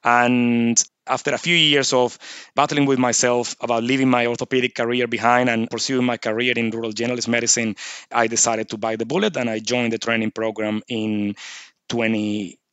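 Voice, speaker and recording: A man in his forties from Venezuela with a Venezuelan Spanish accent, answering interview questions in relaxed conversational storytelling. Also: medium pitch, fairly quick, clean tone, no echo. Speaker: podcast guest, rural surgeon.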